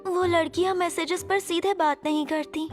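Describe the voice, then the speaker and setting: A woman's voice: extremely high pitch, steady tone, normal speed, soft background music. A woman voicing a timid, hesitant teenage girl who is bullied by her teammates, in an anime dub. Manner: hesitant, pleading.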